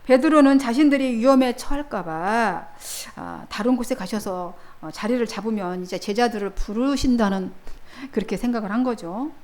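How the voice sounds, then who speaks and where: A woman's voice: fairly high pitch, moderate pace, darkish tone. A woman pastor preaching a sermon in a church, telling the story vividly with casual asides to the congregation.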